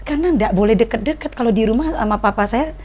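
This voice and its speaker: A woman's voice: on the high side, fast, darkish tone. Middle-aged female co-host, heartfelt, recounts family memories vividly. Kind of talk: personal storytelling in a talk show.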